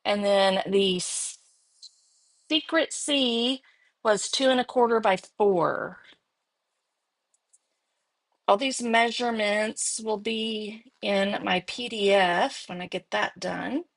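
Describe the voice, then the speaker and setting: Slow, gravelly Texan woman crafting. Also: medium pitch, no echo. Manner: chatty, thinks aloud while working. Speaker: card-making instructor. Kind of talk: casual live crafting demo.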